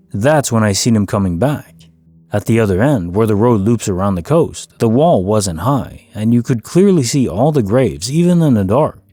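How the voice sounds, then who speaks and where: A man narrating a first-person paranormal story in a measured, calm way. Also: mid-range voice, dry recording.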